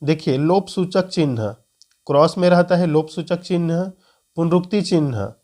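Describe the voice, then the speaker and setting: A man's voice: on the high side, lively intonation, normal speed, mellow. A man teaching Hindi grammar for an exam, explaining patiently and repeating key points. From Chhattisgarh, India. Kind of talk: screen-recorded lesson.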